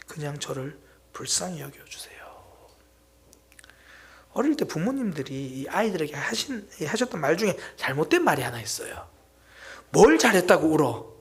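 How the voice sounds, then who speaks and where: A male pastor delivers a sermon with a gravelly edge. His pitch leaps and falls with great animation, and he swings from near-whispers to loud, urgent exclamations. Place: church sanctuary.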